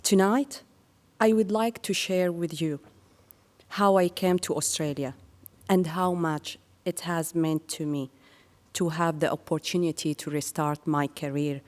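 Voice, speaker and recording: A woman from Syria giving a prepared speech to an audience in measured, earnest phrases. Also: low voice, darkish tone, long reverb tail. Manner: slow and measured, with earnest pauses. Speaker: speaker sharing her career story.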